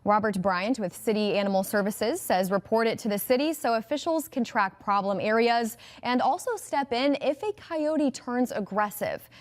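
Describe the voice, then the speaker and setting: A woman anchoring a local TV newscast, reading scripted stories with a brisk, upbeat delivery. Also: a little high. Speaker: news anchor.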